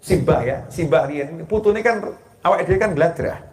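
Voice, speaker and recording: A man from Solo with a Javanese accent, preaching a sermon to a live gathering in a lively manner, joking with the audience. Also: on the high side, moderate pace. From Solo, Central Java. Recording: echoey hall.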